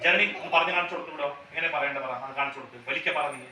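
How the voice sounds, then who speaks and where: Bright-voiced woman teacher coaxing small children. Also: deep voice, rapid-fire, a little hiss or hum. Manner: coaxing, repeats questions, mixes in English phrases. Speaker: preschool teacher. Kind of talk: classroom activity with small children. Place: classroom, indoors. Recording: echoey room from far off.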